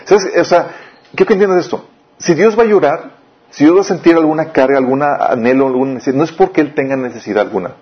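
A man's voice: a little high, quick pace. Man preaching, dull lo-fi sound. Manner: questioning the listeners often, lively rises and drops. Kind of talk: sermon. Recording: dull lo-fi recording.

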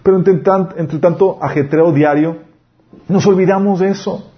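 A man's voice: high voice, normal speed, lo-fi sound. Conversational man preaching a sermon. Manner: conversational preaching with frequent rhetorical questions. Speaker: pastor.

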